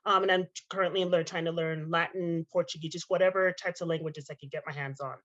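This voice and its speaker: A woman's voice: fairly low pitch, fairly even intonation, fast talker, fairly bright tone. Chatty young woman, lo-fi audio. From Spain. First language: Spanish. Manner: chatty, many fillers like um and like. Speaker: interview guest, actress and author. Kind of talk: casual interview answers. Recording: dull lo-fi audio.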